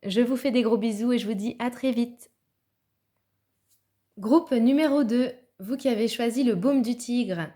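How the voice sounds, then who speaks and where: A woman's voice: on the high side, unhurried, mellow. Chatty woman reading cards. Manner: chatty, thinks aloud with fillers and little laughs. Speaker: tarot reader. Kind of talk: casual spoken card reading.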